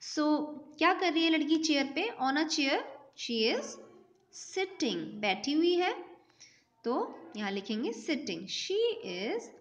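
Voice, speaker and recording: A woman's voice: high-pitched, expressive, takes it slowly, dull audio. A woman teacher, giving a class lesson patiently, asking questions and answering them herself.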